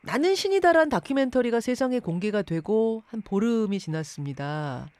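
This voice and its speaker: A woman's voice: fairly high pitch, big pitch swings, normal speed, a little mellow, no echo. A woman hosting a radio news interview, articulate and emphatic, posing questions to the listeners and the guest. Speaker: radio news show host.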